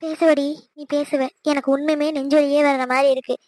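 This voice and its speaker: A woman's voice: high voice, level tone, brisk, darkish tone, no echo, natural voice. A woman voicing a fretful scolding mother. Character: worried talkative Tamil mother, middle-aged. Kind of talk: cartoon voice acting.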